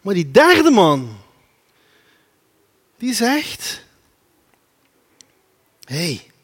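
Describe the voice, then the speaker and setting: A man preaching a lively sermon, acting out the scenes as he tells them. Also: high-pitched, measured pace. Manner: animated storytelling, acting out the scenes.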